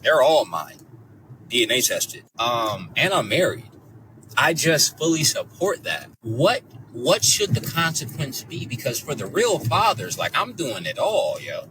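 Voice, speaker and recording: A man in his thirties giving an animated, emphatic, profane commentary, full of rhetorical questions. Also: medium pitch, unhurried, background noise. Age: 30s. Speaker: social media creator reacting to a news story. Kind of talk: casual commentary clip. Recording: distant mic with clear background ambience and vehicle sounds.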